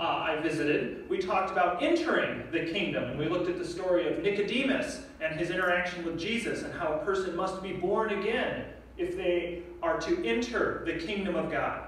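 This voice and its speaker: A man's voice: high voice, a bit bright. A young man preaching as a guest speaker, earnest and direct, asking the congregation questions. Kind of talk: sermon. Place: church sanctuary. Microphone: podium microphone, filmed from far back. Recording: echoey church room from far off.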